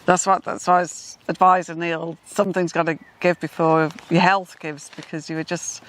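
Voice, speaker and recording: A middle-aged woman from Manchester, co-hosting a vlog in casual, measured chat. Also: lowish voice, level tone, fairly bright tone. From Manchester, England. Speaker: vlog co-host.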